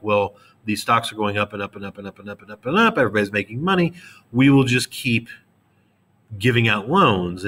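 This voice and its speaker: A man in his late thirties or forties gives a relaxed classroom lecture, talking to his students conversationally. His voice sits slightly low but carries a bright, forceful edge. He slips into quick acted-out examples to make his points. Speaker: middle school history teacher.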